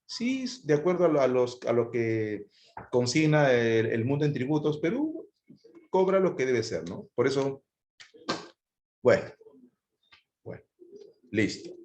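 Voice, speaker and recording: A man's voice: mid-range voice, animated, a little slow, pauses often, a little mellow, a little hiss or hum. A man teaching a live history class, talking conversationally and asking students rhetorical questions. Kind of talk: live online class lecture. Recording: echoey room.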